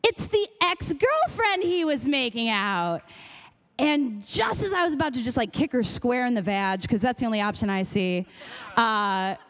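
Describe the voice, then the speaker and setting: A young woman telling a comic personal story on stage, self-mocking and lively. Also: a little high, moderate pace.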